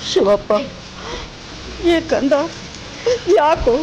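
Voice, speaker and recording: A woman's voice: sits high, expressive, drawn-out words, muffled recording, background noise, heavily acted. An actress playing a tender old village mother who consoles her son, crying as she soothes him. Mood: tearful, soothing. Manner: soothing, tearful pleading.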